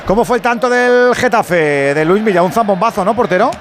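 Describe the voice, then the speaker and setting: A man with a Spain accent anchoring a live radio football round-up, excitable and chatty, throwing questions to colleagues and reading sponsor plugs. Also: high voice, fairly quick. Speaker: radio sports show anchor.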